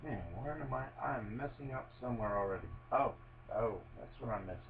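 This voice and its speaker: Here the hobbyist sounds medium-pitched, a bit fast and creaky with vocal fry, over phone-quality sound and slight background noise. He's a middle-aged man chatting to camera as he builds a Lego set on a table at home beside a cat. His talk wanders, laughs at his own errors, and is packed with fillers and restarts.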